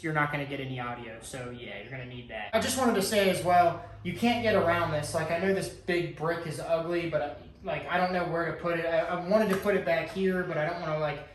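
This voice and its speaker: A man's voice: a little high, reverberant, a little hiss or hum, low-quality recording. A man giving a casual hands-on tutorial in a laid-back, informal way. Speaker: vlogger giving a how-to.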